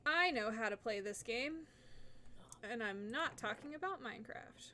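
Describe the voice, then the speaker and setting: A woman chatting casually with friends while streaming a game, talkative and quick to laugh. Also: a little high, expressive, pushed and bright, a little hiss or hum.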